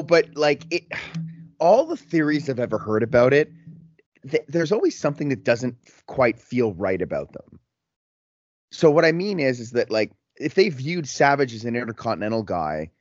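A man's voice: mid-range voice, no room sound, muffled recording. A man chatting casually as a podcast co-host, often rephrasing as he works through a thought. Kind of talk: casual chat.

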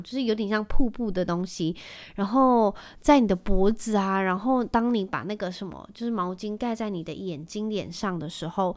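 A woman's voice: mid-range voice, a little mellow. A woman in her thirties from Taiwan, hosting her podcast in a rambling, chatty way with many fillers. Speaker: podcast host. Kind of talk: casual chat.

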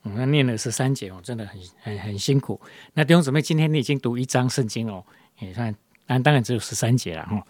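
A man's voice: mid-range voice, fast talker, a little mellow, dry recording. A man leading a casual devotional talk, rambling with many fillers and restarts. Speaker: devotion leader.

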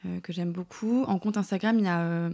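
Chatty French woman guest, quick talker. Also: on the low side, steady tone, warm tone. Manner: chatty, many fillers, drops to near-whispers. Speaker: podcast guest. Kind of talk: casual interview chat.

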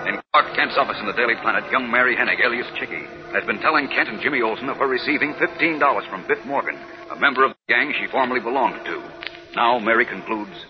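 A man playing an excited old radio announcer for a serial, dramatic and emphatic in 1940s style. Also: medium pitch, quick pace, natural voice. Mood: dramatic, urgent. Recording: muffled old radio broadcast, loud music.

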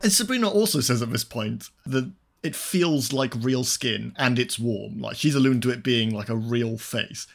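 A man retells the story for his co-hosts at an everyday middle pitch. He swears freely and keeps breaking into laughter as he talks. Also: moderate pace, gravelly, hardly any pauses. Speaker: podcast co-host recapping a film. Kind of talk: casual comedic chat.

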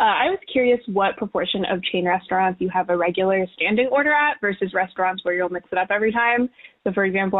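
A woman from the Bay Area leaving a casual voicemail question, played back over a phone line. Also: mid-range voice. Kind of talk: casual voice message.

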